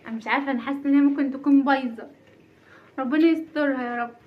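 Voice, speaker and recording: Fast-talking Egyptian mom vlogging at home. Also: female voice, high voice. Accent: Egyptian Arabic. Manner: chatty, self-mocking, nervous laughter. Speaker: vlogger, mother. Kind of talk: casual home vlog. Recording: dull lo-fi home recording.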